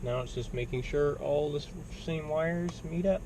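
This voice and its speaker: A man with a fairly high voice casually narrates his own DIY truck repair vlog at a normal pace, plain-spoken and wry. Vehicle noise and a hum sit in the background.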